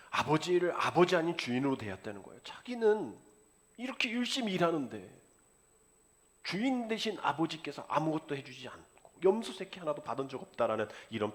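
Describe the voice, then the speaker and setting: A male pastor preaching a sermon, acting out the characters' words in lively dialogue. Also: fairly high pitch. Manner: animated preaching, acts out the father and son in dialogue.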